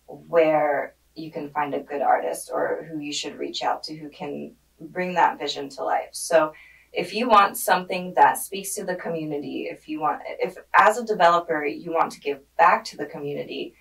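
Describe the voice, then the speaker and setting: A young woman, born in Germany and raised in Hungary, is a guest street art curator answering interview questions in a relaxed, thoughtful way with frequent fillers. Her voice sits low with vocal fry at a normal pace. She's recorded far from a desk-arm podcast mic in a studio with dark padded walls, and the audio is poor.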